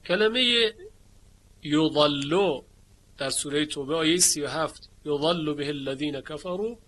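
A man lectures on variant readings of the Quran. He stops to chant single words slowly in a recitation tone. His voice is bright and forceful, set a little high.

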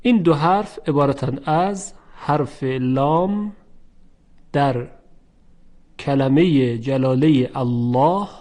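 A man teaching a recitation lesson, stretching out example words slowly and explaining briskly in between. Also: mid-range voice, mellow.

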